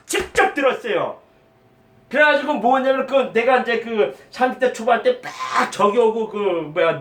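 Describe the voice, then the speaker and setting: High-voiced man preaching in an echoey room. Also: a bit bright, distant mic. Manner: earnest, rambling, emphatic, with quoted prayers. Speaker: lay preacher giving testimony. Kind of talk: spoken testimony sermon.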